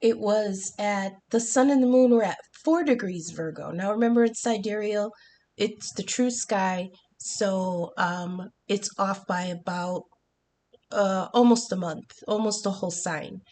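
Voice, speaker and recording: A woman, congested from the flu, gives a chatty tarot and astrology reading in an unhurried, mid-range voice with a darkish tone. As a tarot reader, she's full of ums and restarts and swears casually now and then.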